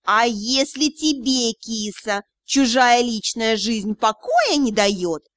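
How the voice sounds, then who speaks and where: A woman's voice: on the high side, big pitch swings, slow pace, fairly bright tone, dry recording, clean studio sound, full character voice. Woman voicing a purring, sly talking tomcat. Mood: teasing. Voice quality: purring, drawling. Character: sly flirtatious male talking cat, lazy purr.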